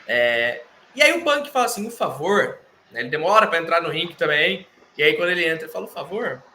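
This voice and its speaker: A man with a Brazilian Portuguese accent co-hosting a podcast, retelling events in animated casual chat full of slang and fillers. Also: fairly high pitch, fast talker, slight background noise. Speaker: podcast co-host. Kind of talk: casual wrestling recap chat.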